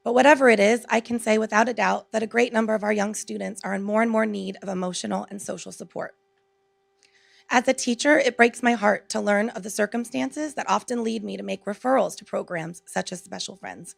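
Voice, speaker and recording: A woman, a teacher, reading a prepared public speech in an earnest, measured, articulate way. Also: medium pitch, creaky, no room sound. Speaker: teacher speaking at a school board meeting. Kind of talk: prepared speech read aloud.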